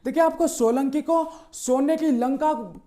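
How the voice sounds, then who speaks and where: A man teaching history, walking students through memory tricks with a mellow, soft tone. He poses his own questions and answers them right away, closing nearly every point with a quick okay. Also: very high-pitched.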